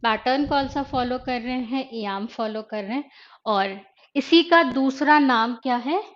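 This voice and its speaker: A woman teacher with a fairly high voice talks through an exam-prep class at a slow, unhurried pace. She poses questions to her students and answers them herself, moving between Hindi and English. The sound is dull and lo-fi, like a recorded online class. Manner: reads poetry slowly and deliberately.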